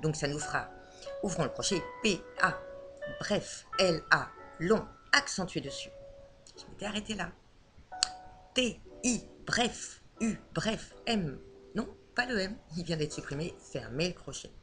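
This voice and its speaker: A woman's voice: fairly low pitch, expressive, measured pace, fairly bright tone, soft background music. A woman teaching a lesson on Old French, explaining patiently with frequent hesitations.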